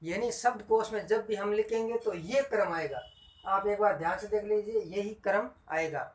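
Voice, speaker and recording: In an echoey room, with his voice distant from the mic, a man whose pitch sits high gives a Hindi grammar lesson at normal speed. He repeats his points again and again and quizzes his listeners, as in a classroom.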